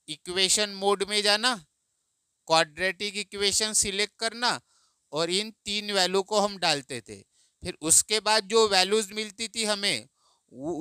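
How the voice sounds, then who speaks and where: A man teaching math in Hindi, explaining slowly and patiently, asking and answering his own questions. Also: high-pitched, sharp tone, clean tone, dry recording, clean studio sound.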